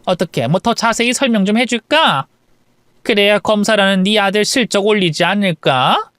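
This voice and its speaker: A man's voice: high voice, animated, normal speed, fairly bright tone, no room sound, clean studio sound. A man voicing a sneering, mocking middle-aged woman bully in a story radio drama. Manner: mocking, cackling.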